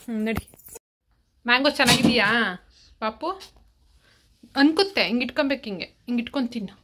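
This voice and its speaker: A woman's voice: fairly high pitch, brisk, noisy background. A woman speaking with a Kannada accent, coaxing and bargaining with a toddler at home in sing-song baby talk. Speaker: vlogger parent.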